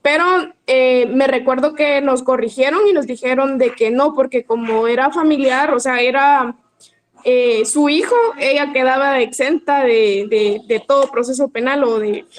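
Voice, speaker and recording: A female law student with a high voice asks her lecturer a question. She speaks hesitantly, restarting and correcting herself as she goes. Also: steady tone, moderate pace, rough recording. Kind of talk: asking a question in class.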